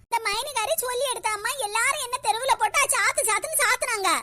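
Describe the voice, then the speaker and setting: A woman's voice: extremely high pitch, fast, sharp tone, a little hiss or hum. A woman voicing a scheming young woman in a cartoon, with a Kanyakumari Tamil accent and gloating asides. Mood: complaining.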